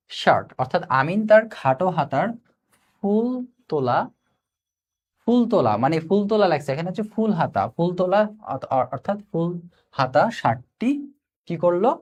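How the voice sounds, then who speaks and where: A male English teacher with a Bangladeshi accent giving a live online class. He asks the students quick questions, answers them himself and slows down to read English lines word by word. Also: high-pitched. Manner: addresses students directly, invites comments.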